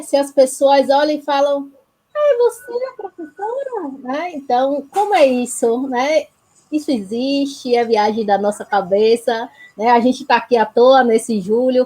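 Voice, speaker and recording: A woman's voice: a little high, mellow, low-quality recording. A woman with a Bahian Brazilian accent talking reflectively and earnestly as a host, often adding tag questions to seek agreement. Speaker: panel host, health project institutional supporter. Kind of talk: reflective conversational talk.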